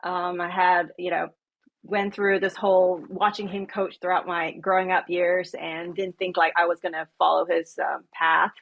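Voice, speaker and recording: A woman in her late thirties from Malaysia speaks on a coaching panel. Her voice sits low. She talks haltingly, with many pauses and fillers. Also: little pitch movement, vocal fry, phone-quality sound. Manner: halting, many ums, laughs easily. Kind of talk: panel discussion.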